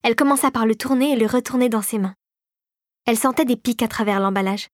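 A woman narrating a Christmas fairy tale audiobook in a calm, measured storytelling voice. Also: on the high side, no echo, studio quality.

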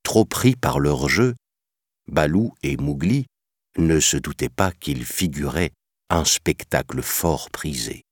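A man narrating a children's storybook in a measured, expressive reading. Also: rumbling low, breathy edge.

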